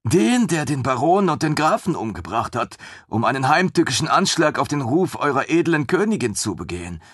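A man voicing an eager, naive young male lieutenant in a fantasy audiobook, talking in an excitable, pompous way. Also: medium pitch, normal speed, husky, dry recording, studio quality, voice pushed up. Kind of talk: audiobook character voice.

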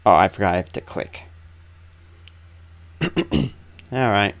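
A man in his twenties giving casual, halting, wry gaming commentary into a close desk microphone. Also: lowish voice, fairly bright tone. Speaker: gaming video host. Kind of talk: casual let's play commentary. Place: small room indoors. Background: video game ambience.

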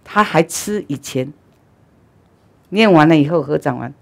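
A woman Buddhist teacher giving a dharma talk, telling stories animatedly, with loud urging and quiet asides. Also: low voice, expressive, measured pace, gravelly.

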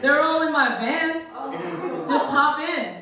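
A woman's voice: sits high, slow pace, a crowd in the background. A woman putting on a sleazy man luring from a van. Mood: coaxing. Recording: echoey hall, mic from far, noisy.

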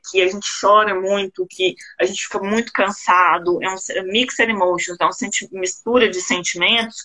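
Bright, animated Brazilian woman storyteller. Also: mid-range voice, poor audio. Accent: Brazilian Portuguese. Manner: animated, emotional storyteller who laughs between phrases. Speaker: career coach. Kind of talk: casual storytelling in a live-stream chat.

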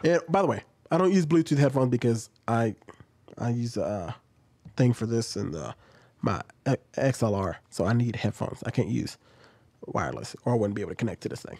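A man's voice: mid-range voice, animated, brisk, darkish tone, slightly rough, no echo. Thirties man, blunt home-vlog reaction commentator, filler-heavy talk, dry close-mic sound. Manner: blunt, conversational, many fillers. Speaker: commentary vlogger. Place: home room with shelves. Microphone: studio XLR mic on boom, close.

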